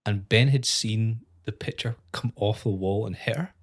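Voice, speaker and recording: A woman's voice: a bass voice, normal speed, husky. A woman, co-hosting a podcast and telling a story in casual chat, acting out the quotes. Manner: animated storyteller, acts out quotes. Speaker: podcast co-host.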